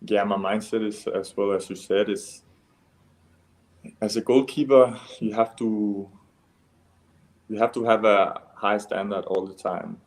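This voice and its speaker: Young man from Denmark, deep even voice, hesitant guest answers. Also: measured pace, pauses often. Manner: hesitant, many fillers and restarts. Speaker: interview guest, goalkeeper. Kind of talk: casual interview answers.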